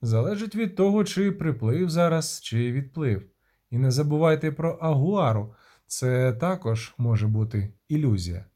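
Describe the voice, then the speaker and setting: A man's voice: mid-range voice, animated, normal speed, mellow, natural voice. A man voicing a composed male witcher who speaks curtly and with control, in an audiobook reading. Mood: stern.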